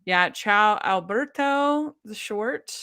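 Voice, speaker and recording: A woman hosts a relaxed, casual chat. Her voice is bright and clear, and she talks in an eager, upbeat way. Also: mid-range voice, slow pace. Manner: chatty, enthusiastic, laughs often. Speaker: podcast host.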